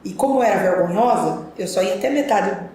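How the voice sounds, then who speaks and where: A woman's voice: medium pitch, expressive, brisk, mellow. A woman, a podcast interview guest telling her life story in an earnest, reflective, rambling way. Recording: echoey room with faint ambient noise.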